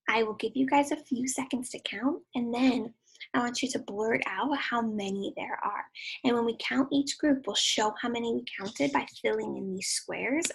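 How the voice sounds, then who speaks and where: A woman's voice: fairly high pitch, normal speed, gravelly, breathy edge, low-quality recording. A woman teaching young children in an encouraging, sing-song kids show host manner, addressing them directly as she counts and instructs. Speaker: kindergarten math teacher.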